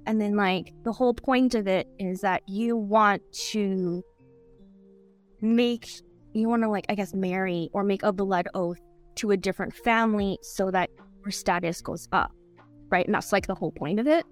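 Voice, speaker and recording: A Canadian woman appears as a guest author on a podcast, rambling casually and saying "like" constantly. She has a mid-range voice and a moderate pace, with faint music in the background.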